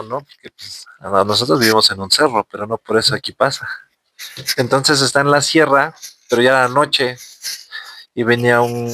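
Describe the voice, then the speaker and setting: A man with a Mexican accent telling a spooky legend casually, acting out its dialogue in a lively way. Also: mid-range voice. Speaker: storyteller. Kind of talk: casual horror storytelling.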